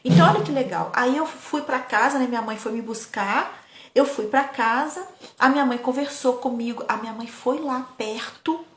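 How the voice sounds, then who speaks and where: A woman, a parenting educator telling childhood stories in a lively, casual way, often turning to her audience. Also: fairly high pitch, normal speed, slight background noise. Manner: lively, keeps addressing the audience. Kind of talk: casual storytelling talk. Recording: echoey room.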